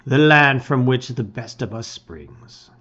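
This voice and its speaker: A middle-aged man with a mid-range voice hosts a read-aloud of a gamebook, opening with a casual intro before dramatically narrating the storybook. He speaks slowly and expressively, leaning on key words and letting phrases fade softly. The sound is slightly dull and lo-fi.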